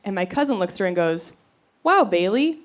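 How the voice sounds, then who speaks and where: A woman doing a stand-up comedy routine on stage, animated, quick to laugh and swearing freely. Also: on the low side. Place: comedy stage before a live audience. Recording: live stage recording with crowd noise.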